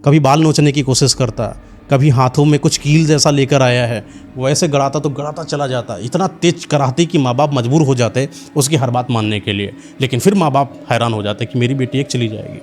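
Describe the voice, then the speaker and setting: A man's voice: medium pitch, fairly quick, darkish tone. A man narrating a horror story dramatically, with an intense delivery and words repeated for suspense.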